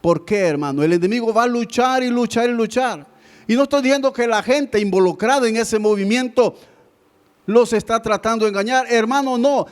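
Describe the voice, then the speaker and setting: A pastor preaching a sermon, who keeps calling his listeners brother and swings between loud appeals and hushed words. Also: sits high.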